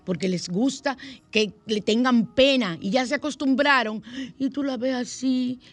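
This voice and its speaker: Una mujer de mediana edad con acento caribeño da consejos en un programa de radio, contando historias con viveza y jugando con las voces. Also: female voice, fairly high pitch, unhurried. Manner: lively, animated storytelling with playful voices. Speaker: radio host and counselor. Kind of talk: radio talk and advice. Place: radio studio.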